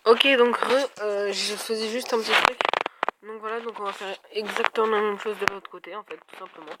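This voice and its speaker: Congested from a head cold, a gaming video creator talks to his viewers in casual gameplay commentary, hesitating and thinking aloud. His high voice keeps fairly even intonation at a fairly quick pace, amid heavy background noise.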